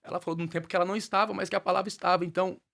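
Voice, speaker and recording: Fast-talking fervent male preacher. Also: high-pitched, steady tone, vocal fry, fairly bright tone. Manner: fervent, repeats phrases for emphasis. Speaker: guest minister sharing his life story. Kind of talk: emotional testimony with preaching cadence.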